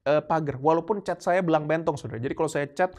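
A man's voice: on the high side, fairly even intonation, fast, a little mellow. A man in his thirties preaching a sermon, telling personal stories and slipping English phrases into his talk. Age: 30s. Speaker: pastor.

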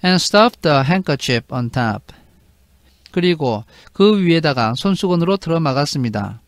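A man leads a read-aloud lesson in a fairly high voice. He reads the English lines very slowly and then gives each translation. The sound is dry and close, with no room echo. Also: expressive. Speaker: English book reading teacher.

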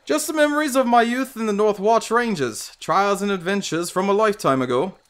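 A man's voice: mid-range voice, steady tone, normal speed, natural voice. A man voicing a grieving elderly veteran ranger in a story game, with a put-on accent that keeps slipping. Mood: wistful.

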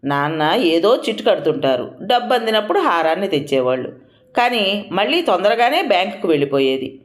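Expressive female storyteller with lively pitch. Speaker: audio story narrator. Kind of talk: narrating a story.

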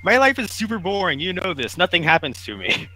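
A man's voice: high voice, sing-song, brisk, sharp tone, rough recording. A teenage boy on a casual podcast, giving short, offhand replies. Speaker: podcast co-host. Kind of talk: casual chat.

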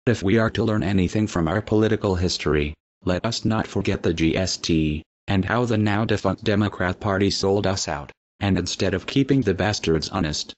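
Man with a disguised, deepened voice. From Australia. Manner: defiant, declamatory. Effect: disguised, electronically deepened voice. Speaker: activist spokesperson. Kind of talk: scripted protest statement. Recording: dull lo-fi audio.

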